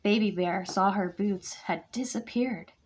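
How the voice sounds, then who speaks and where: Slow, expressive woman reading a storybook. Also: medium pitch, slightly rough. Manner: expressive, acts out character lines. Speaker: guest reader for a kindergarten class. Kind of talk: children's picture book read-aloud.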